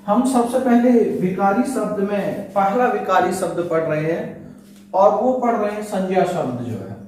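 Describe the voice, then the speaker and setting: A man's voice: sits high, lively intonation, normal speed, darkish tone, slight background noise. A man teaching a Hindi grammar lesson to students, explaining step by step and speaking to them directly. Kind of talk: online exam-prep lesson. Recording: very echoey room, voice slightly far from mic.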